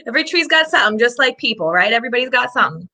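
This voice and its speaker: A woman's voice: fairly high pitch, big pitch swings, rapid-fire, bright, forceful tone. A woman hosting a live-stream interview, upbeat and chatty, with filler words. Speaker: host.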